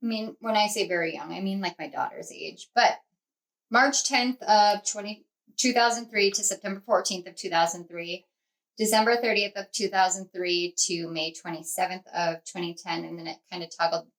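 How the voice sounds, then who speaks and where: A woman hosting a pick-a-card tarot reading speaks to her viewers as a group, earnest and rambling, with lots of fillers and restarts. Her medium-pitched voice is a bit bright and moves at a moderate pace, on poor audio.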